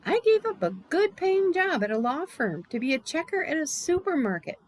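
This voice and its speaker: A woman's voice: high-pitched, big pitch swings, moderate pace, pitched above the performer's own voice, rough recording. A woman reading aloud as a worried, worn-out mother who scolds her son sternly. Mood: exasperated. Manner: stern, exasperated questioning. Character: worried tired middle-aged mother.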